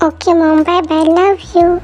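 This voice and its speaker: A woman's voice: extremely high pitch, little pitch movement, a little slow, loud music behind the voice. A woman voicing a carefree, dismissive young son in an amateur dubbed story. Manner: dismissive, breezy.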